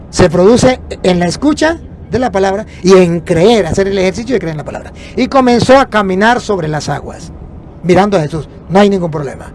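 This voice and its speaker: A man preaches with emphasis, his voice sitting higher than most men's. He poses rhetorical questions and answers them himself. A faint rumble of the moving bus hums underneath. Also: a little mellow.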